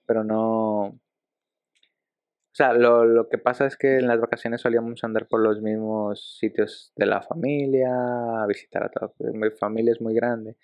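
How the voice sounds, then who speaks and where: A young man from Ecuador with a Dominican Spanish accent, co-hosting a podcast in casual chat, speaking in a measured, hesitant way. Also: lowish voice, level tone, dry recording. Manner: measured, hesitant, soft chuckles. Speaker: podcast co-host. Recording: dull dry lo-fi sound.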